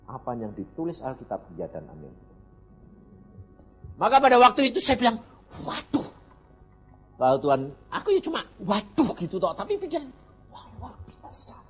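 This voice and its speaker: A man's voice: mid-range voice, breathy edge. An older Indonesian man preaching a blunt, plainspoken sermon and acting out his quoted exchanges. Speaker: evangelist preacher. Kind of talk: sermon with personal testimony. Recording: dull lo-fi sermon recording with faint music.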